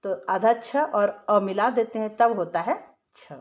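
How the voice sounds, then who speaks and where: A woman's voice: mid-range voice, measured pace. A woman teaching a grammar lesson, explaining step by step in a patient way and often checking that her listeners follow.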